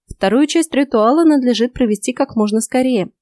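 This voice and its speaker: A woman voicing a calm, composed female dragon in an audiobook, speaking formally. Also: on the high side, brisk, no room sound, clean studio sound, voice pushed up, natural voice. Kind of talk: audiobook character voice.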